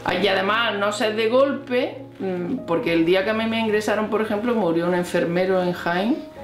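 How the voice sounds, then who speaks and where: A woman from Spain tells an animated story in a documentary interview, acting out bits of remembered dialogue. Her voice sits at a middle pitch and carries a roomy echo, with faint music playing underneath. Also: normal speed. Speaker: hospital colleague.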